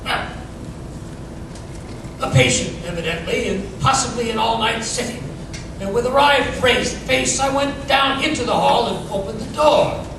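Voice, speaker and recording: A man's voice: very high-pitched, unhurried, exaggerated voice. A man playing a genial, curious doctor and storyteller in old-time radio style, hesitant and blustering, often repeating himself. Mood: reminiscing. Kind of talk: 1930s radio drama acting. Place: museum live performance space. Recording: echoey room, distant mic, clear background noise.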